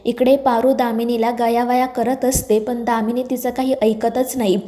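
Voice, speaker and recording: Woman reading out a soap episode recap, high voice, soft and dark tone, steady pace. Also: normal speed. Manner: steady read-aloud storytelling. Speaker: serial recap narrator. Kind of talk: scripted narration.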